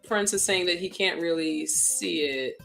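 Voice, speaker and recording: A woman's voice: lowish voice, measured pace, gravelly, fairly bright tone, soft background music. A woman co-hosting a casual livestream, hyping up the audience and often repeating her words. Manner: hyping, encouraging, repeats herself. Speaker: co-host.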